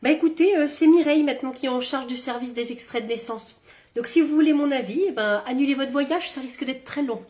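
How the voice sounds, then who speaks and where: A woman's voice: high voice, fairly quick, darkish tone, close to an everyday voice. A woman playing a strict, rule-bound female boss and office clerk who speaks curtly. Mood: officious. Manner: stern, rule-bound, curt. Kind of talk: comedy skit acting.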